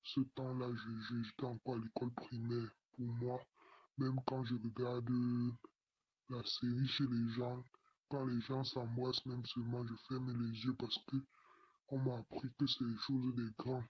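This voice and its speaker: A young man in his late teens, his voice altered by a voice changer, reading a personal testimony in a halting way. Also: mid-range voice, slightly rough, lo-fi sound. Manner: slow, flat, halting delivery. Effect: voice changer disguising the voice.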